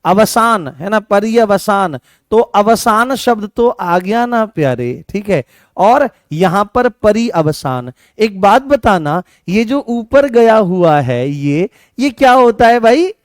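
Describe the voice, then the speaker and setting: A man's voice: high voice, lively intonation, slow pace, no echo, studio quality. A man with a Rajasthani Hindi accent giving an online exam-prep grammar lesson, repeating points, quizzing students and calling them "beta". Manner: repetitive, coaxing, asks students questions and calls them beta; answers viewer comments by name. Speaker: teacher.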